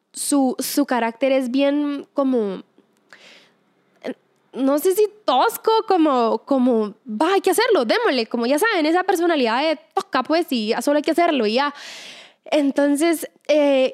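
High-voiced chatty woman. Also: darkish tone. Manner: chatty, storytelling with acted quotes and many fillers. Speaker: devotional speaker. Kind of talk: personal testimony and Bible reflection.

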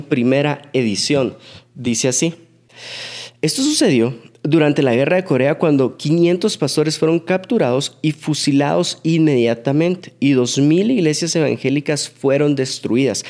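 A man, preaching a sermon in earnest storytelling that sinks to a hushed, low voice at emotional moments. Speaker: pastor.

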